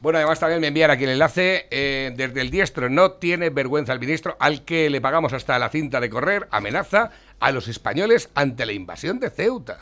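Man from Spain, bright voice, crude, mocking talk host. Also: a little high, expressive, fairly quick. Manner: mocking, crude, reads out headlines. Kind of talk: provocative political commentary.

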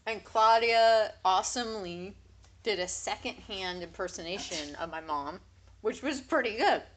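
A woman's voice: mid-range voice, moderate pace, a little hiss or hum. A woman co-hosting a casual chat podcast, telling loose stories with frequent ums and casual swearing. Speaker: podcast co-host.

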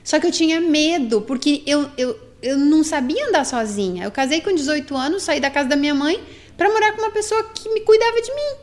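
A Brazilian woman in her forties with a high, bright-sitting voice speaks as an interview guest. She tells her own story frankly and animatedly, slipping into other people's voices when she quotes them. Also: expressive, a little fast. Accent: Brazilian Portuguese. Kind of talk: candid personal storytelling.

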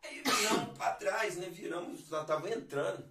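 A man's voice: sits high, normal speed, sharp tone. Laid-back Brazilian man telling stories. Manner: storytelling, laid-back slang. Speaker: guest singer-songwriter. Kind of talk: podcast chat with live singing. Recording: roomy, mic at a distance, guitar behind.

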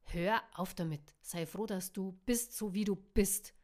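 A woman's voice: mid-range voice, a little slow, a little mellow, close to an everyday voice. A woman voicing a young werewolf man who growls out commands. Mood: stern.

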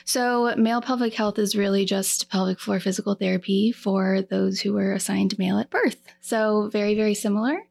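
A woman's voice: mid-range voice, steady tone, normal speed, gravelly, hardly any pauses, a little mellow. A woman physical therapist explaining her field conversationally as a podcast guest.

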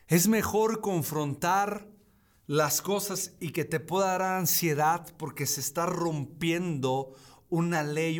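A man in his thirties preaching a streamed sermon, stressing his points by saying key phrases again. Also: a little high. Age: 30s. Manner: emphatic, repeats key phrases.

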